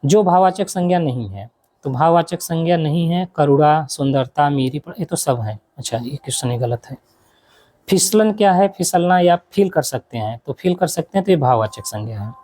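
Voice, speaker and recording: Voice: medium pitch, animated, normal speed, mellow. A teacher giving an exam-prep grammar lesson, asking questions aloud and answering them, running through lists of examples, with English words mixed in. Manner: mixes English words into explanations.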